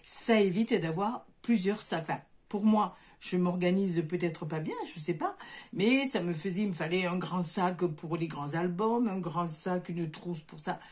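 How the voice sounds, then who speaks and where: A woman's voice: lowish voice, unhurried, a little mellow. Hesitant southern French woman vlogger. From southern France. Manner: hesitant, many fillers and restarts. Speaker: crafts vlogger. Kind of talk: casual chat to camera. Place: home craft workshop, indoors.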